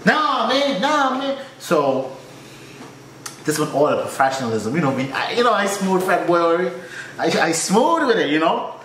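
Animated laughing man host, roomy sound. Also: on the high side, normal speed. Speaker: reaction video host. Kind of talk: casual storytelling. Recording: roomy, faint noise.

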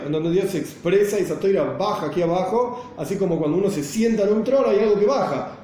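High-voiced rabbi in an echoey room. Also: male voice, warm tone. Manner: explanatory, rhetorical questions, acts out an angry outburst. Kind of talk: Torah lesson. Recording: very echoey room, faint noise.

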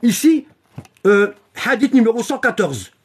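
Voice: medium pitch, very animated, unhurried, a little hiss or hum. A religious teacher giving a live-streamed lecture, repeating points emphatically, checking in with the audience, and reading passages aloud from a book. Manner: repetitive and emphatic, with constant "hein?" checks; reads and shows passages from a book.

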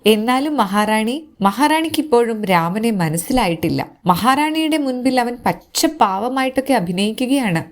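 A woman's voice: on the high side, lively intonation, moderate pace, pitched above the performer's own voice, lightly acted. A woman voicing a scheming female palace servant who mutters and insinuates urgently in a storybook reading. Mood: scheming insinuation.

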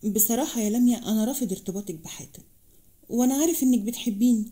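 A woman's voice: a little high, racing, mellow, breathy edge. A woman reading the lines of a young man in a story, with an Egyptian accent, in her own voice. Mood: hushed, pleading. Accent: Egyptian Arabic. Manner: read in the narrator's own voice. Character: young man, apologetic then pleading.

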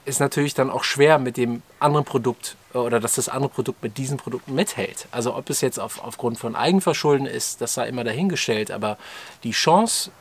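Man speaking in measured tones outdoors. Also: medium pitch, husky. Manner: measured, pausing with fillers, asks questions. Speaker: channel co-host. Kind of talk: casual discussion to camera. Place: outdoors in a leafy garden, evening.

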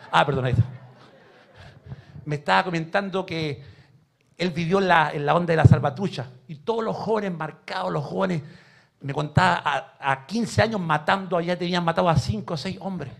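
A man preaching a sermon in a church, telling stories with emotion and swinging from soft to loud. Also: fairly high pitch, gravelly. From Chile.

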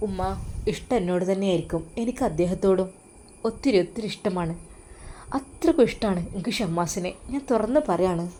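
Brief: woman doing a sorrowful devout young woman, mellow tone, faint hiss behind. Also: medium pitch, brisk, natural voice. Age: young adult. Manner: earnest, tearful pleading. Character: heartbroken young woman, devout and self-sacrificing. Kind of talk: storytelling role voice.

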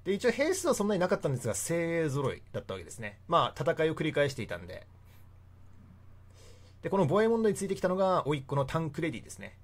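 Young man, casual history lecture, animated pitch, laughs a lot. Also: very fast, breathy edge. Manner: chatty, laughs often between points. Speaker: history explainer.

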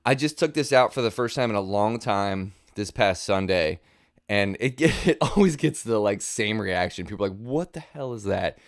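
With a voice on the low side, lively intonation and normal speed, a man in his thirties gives a relaxed guitar gear demo in a dry recording. He thinks aloud as he explains, sitting close to a studio mic on a boom arm in his small home studio.

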